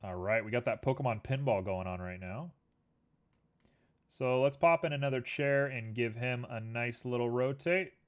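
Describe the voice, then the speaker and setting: A young man with a medium-pitched voice streams live while constructing a 3D scene, speaking at a moderate pace. He's laid-back and rambling, chatting with his viewers and talking to the objects on screen.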